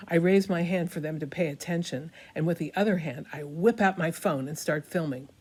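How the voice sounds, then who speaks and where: Low-voiced woman, hammy theatrical storyteller. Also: a little fast, a little mellow, breathy edge. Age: older. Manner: hammy, theatrical stage delivery, acting out dialogue. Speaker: performer reading a comic monologue. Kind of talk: dramatic reading of a first-person satirical story.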